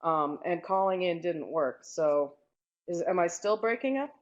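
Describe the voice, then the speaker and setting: A woman lecturing in a low voice, heard through a dull, lo-fi call connection that keeps breaking up. She talks into a headset mic and explains things methodically, step by step, as a webinar presenter. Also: expressive, a little slow. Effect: audio breaking up over an online call. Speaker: legal trainer presenting a webinar. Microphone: headset microphone.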